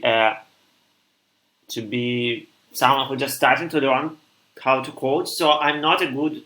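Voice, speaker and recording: A young man in his twenties from Russia with a Russian accent, thinking aloud haltingly as he codes on a live stream and answers chat. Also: medium pitch, pushed and bright, reverberant, low-quality recording. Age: 20s. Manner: halting, thinks aloud with many pauses and restarts.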